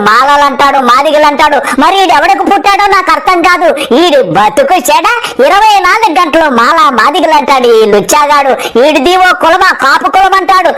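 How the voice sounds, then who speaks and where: Brief: woman host, high voice, abusive scolding political rant. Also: a bit bright. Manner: insulting, scolding. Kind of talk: ranting political commentary.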